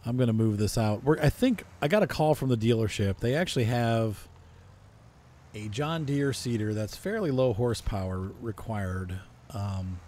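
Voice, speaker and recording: A man's voice: mid-range voice, animated, normal speed, darkish tone. A man casually talking through a farming simulator playthrough, thinking aloud with frequent fillers. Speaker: gaming video host. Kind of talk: casual farming-sim commentary.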